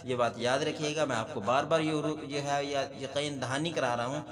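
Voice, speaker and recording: A man's voice: a little high, fairly even intonation, a crowd in the background. Man teaching recitation in an echoing hall. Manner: repeats each sound slowly and drawn out for the learner. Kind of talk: slow word-by-word recitation lesson.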